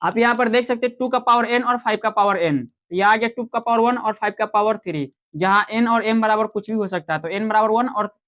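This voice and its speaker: Slow-explaining Hindi maths teacher, man. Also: high voice, a bit bright, dull audio. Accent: Bihari Hindi. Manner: slow, explanatory, asks questions and answers them himself. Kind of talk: classroom maths lecture.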